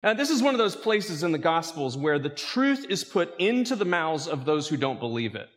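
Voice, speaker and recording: A man's voice: fairly high pitch, normal speed, long reverb tail. A male pastor preaching a sermon, calling out questions to his congregation. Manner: lively preaching with calls to the congregation.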